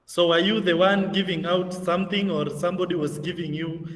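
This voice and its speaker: A man moderates an online youth training session, chatting conversationally with plenty of fillers and laughing easily. His high voice holds a steady tone at a brisk pace, picked up by a distant mic with big-room sound.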